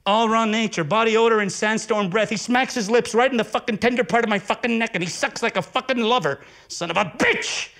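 A man performing an intense, profane theatrical monologue with dramatic swings of pitch and volume. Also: fast talker, hardly any pauses, a bit bright. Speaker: solo stage performer.

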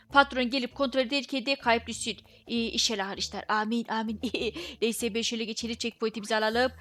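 A woman's voice: a little high, fairly bright tone. A woman giving casual, joking gameplay commentary, grumbling playfully as she talks to her viewers. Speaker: gaming video creator.

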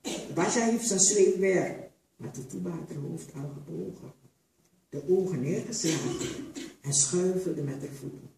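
Woman, author reading her book aloud, expressive, lowish voice, very echoey theater, distant mic. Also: vocal fry, a little hiss or hum. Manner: expressive, slow, dramatic reading. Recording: echoey theater hall from far off.

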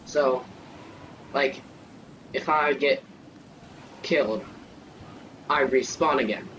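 A man's voice: mid-range voice, takes it slowly, a bit bright, a little hiss or hum. A man hosting a gaming channel, chatting casually over his gameplay with lots of ums and likes. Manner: rambling, many fillers. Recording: distant mic with faint game music.

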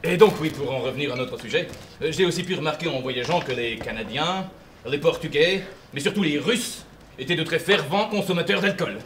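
A man's voice: a little high, a little fast, fairly bright tone, slight background noise, lightly acted. A man playing a pompous, pedantic whisky traveller. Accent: French. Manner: pedantic, fussy, long-winded. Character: pompous middle-aged male whisky-loving traveller. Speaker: amateur stage actor. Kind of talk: amateur stage play. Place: theatre stage.

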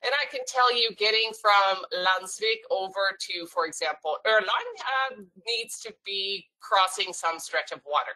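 Norwegian-born woman walking travel agents through a webinar, bright clear tone, friendly and a bit jokey. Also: medium pitch, measured pace, hardly any pauses, rough recording. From Norway. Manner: friendly, explanatory, lightly humorous. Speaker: sales presenter for a cruise line.

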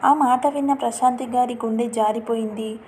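A woman storyteller narrating a family story in a steady, even reading voice. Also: on the high side, normal speed, slight background noise.

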